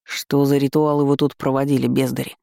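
Man doing a gruff, grim dark magister. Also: medium pitch, level tone, a little fast, no room sound, studio quality, lightly acted. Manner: curt and sarcastic.

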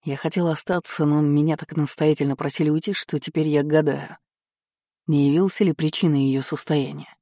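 A sardonic young marquis, as an audiobook reader puts him on, speaking with dry, mocking humor. The tone is warm and mellow, recorded close and dry. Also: mid-range voice, steady tone, a little fast, dry recording, lightly acted. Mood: wry. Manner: wry, mocking. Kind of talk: audiobook character reading.

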